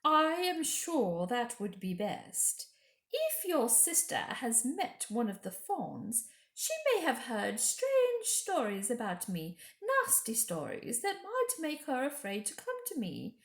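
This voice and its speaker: A woman voicing an imperious, falsely sweet witch queen from a storybook, with a grand, coaxing, drawn-out delivery. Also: a little high, huge pitch swings, voice pushed up, full character voice. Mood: coaxing, sly. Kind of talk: storybook character reading. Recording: echoey room.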